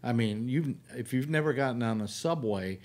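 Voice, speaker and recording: A man's voice: mid-range voice, moderate pace, a little mellow. An older man hosting a casual panel chat on a video call, opinionated and full of questions. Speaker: host of a live panel show. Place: book-lined room at home.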